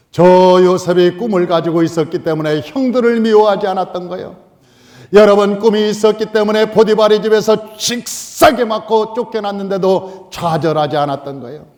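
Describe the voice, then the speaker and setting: A male pastor preaching a sermon, telling the story with animated acted-out quotes. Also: high voice, big-room sound.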